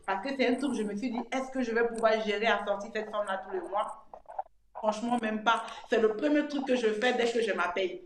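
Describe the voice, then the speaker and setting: A woman's voice: on the high side, a little fast. A woman in her thirties telling her own experience in a casual testimonial chat, talking freely, repeating words and retelling scenes from home. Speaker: interviewee giving a testimonial. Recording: echoey room with clear noise.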